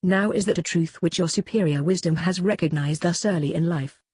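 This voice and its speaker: A reader voicing an aged philosopher on trial, cross-examining his accuser in a measured, questioning way in a dramatic reading. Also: mid-range voice, a little mellow, breathy edge, dry recording, clean studio sound. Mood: probing. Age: older. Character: aged male philosopher on trial, probing, ironic. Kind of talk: dramatic reading of a classical dialogue.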